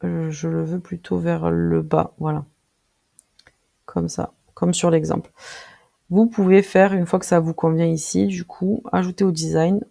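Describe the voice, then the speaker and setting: A presenter walking viewers through a design tool in a casual screen-recorded tutorial, speaking directly to them and pausing often with filler sounds while clicking. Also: mid-range voice, little pitch movement, gravelly, dark tone. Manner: friendly, addresses viewers directly.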